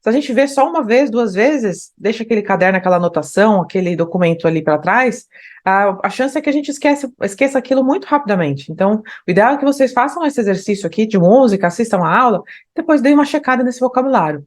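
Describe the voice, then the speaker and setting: A woman with a Brazilian Portuguese accent teaching an online English lesson. She explains step by step, often checks in with "né?", and slows down to read lyrics aloud. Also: on the high side, lively intonation. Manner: explanatory, tags phrases with "né?".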